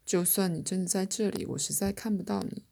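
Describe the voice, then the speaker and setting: A woman's voice: mid-range voice, fairly even intonation, a little fast, vocal fry, dark tone. Woman reading as a shaken, tense woman.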